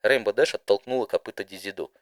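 A man narrating a fan audiobook in an expressive storytelling manner. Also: fairly low pitch, fast talker, no room sound, clean studio sound.

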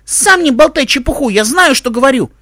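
A man doing a mischievous little colt, squeaky, excited, very high, bouncy. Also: a little fast, dry recording, studio quality, heavily acted. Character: cheeky mischievous young colt boy.

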